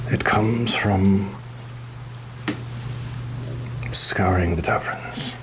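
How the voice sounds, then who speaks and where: Pirate captain, played by a man: whispered ASMR, slow and deliberate, roguish, rum-loving, theatrically wary. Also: low voice, low-quality recording. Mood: flustered, excusing. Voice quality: breathy whisper. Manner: halting, deliberate, mock-grand phrasing. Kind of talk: whispered ASMR roleplay, addressing the listener.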